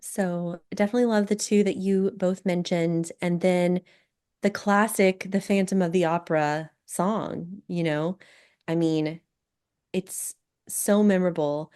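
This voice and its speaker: A woman hosting a casual podcast chat, soft-spoken and laughing often, her voice a little scratchy from being sick. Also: fairly low pitch, fairly even intonation, unhurried, clean tone. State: recovering from illness, scratchy voice. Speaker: podcast host.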